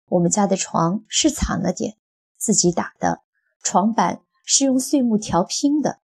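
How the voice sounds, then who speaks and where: A woman voicing a childish, defensive husband who rambles in a folksy way, with a breathy voice. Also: medium pitch, a little mellow.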